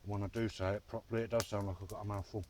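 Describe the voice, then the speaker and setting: A man's voice: fairly low pitch, little pitch movement, very fast, background noise. A man vlogging from his hammock at a night camp, chatting casually with lots of fillers and banter. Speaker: bushcraft vlogger. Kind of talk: casual outdoor vlog chat.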